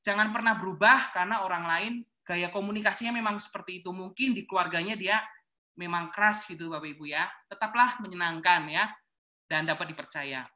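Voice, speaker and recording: A man leads a communication seminar with a bright, crisp tone. He speaks straight to his listeners in a lively, chatty way and acts out little everyday examples as he goes. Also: sits high. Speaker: communication trainer. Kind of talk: seminar talk to an audience.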